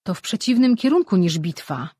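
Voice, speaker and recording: A woman voicing a thoughtful, worried sorceress in an audiobook, reading in a husky voice. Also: mid-range voice, sing-song, normal speed, warm tone, no room sound, clean studio sound.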